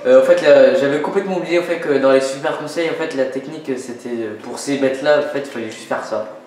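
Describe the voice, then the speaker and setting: A man's voice: mid-range voice, fast talker, a little mellow. A man giving casual, self-mocking commentary while playing a video game, with lots of fillers. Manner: joking, self-mocking, many fillers, laughs often. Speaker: let's play host. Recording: very echoey room with game music.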